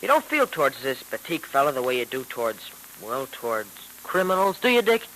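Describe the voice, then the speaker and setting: A man's voice: mid-range voice, very animated, brisk, fairly bright tone. An actor in old radio drama style playing an eager, admiring boy sidekick with earnest, slangy talk. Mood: curious, admiring. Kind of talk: 1940s radio drama acting. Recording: noisy vintage radio recording.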